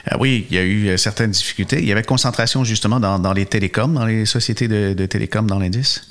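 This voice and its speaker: A man interviewing in a conversational style, putting long, measured questions and rephrasing them. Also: lowish voice, fairly bright tone.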